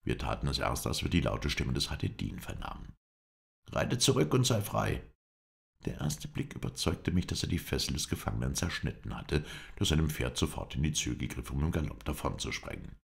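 A man reading an adventure novel aloud as an audiobook narrator, telling the story in a measured, expressive way. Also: rumbling low, gravelly. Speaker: audiobook reader.

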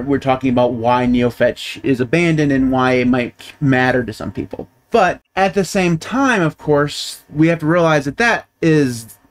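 Male host, 30s, casual conversational explainer, home office desk mic. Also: mid-range voice. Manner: conversational, repeats and restarts while thinking aloud. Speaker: tech channel host. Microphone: desk microphone on boom arm.

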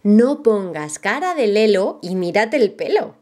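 Cheeky clever little girl voiced by a woman, patient and teasing, sing-song rhymes, lively pitch. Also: unhurried.

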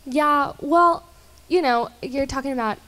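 Chatty young woman with a higher voice. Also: a little slow. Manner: chatty and earnest, many ums and soft laughs. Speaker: panel guest. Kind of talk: candid testimony on a church stage panel. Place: large church stage. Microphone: handheld mic.

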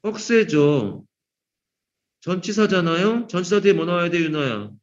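A man's voice: sits high, sing-song, measured pace. A man teaching an English grammar class to middle school students, quizzing them by name and teasing them with jokes. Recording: dull lo-fi sound.

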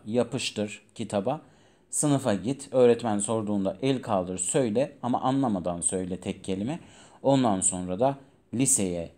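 A male English teacher giving a video lesson to school pupils, patient and explanatory, reading English lines slowly and translating each one. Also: lowish voice, dark tone. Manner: reads English lines slowly with British-style pronunciation.

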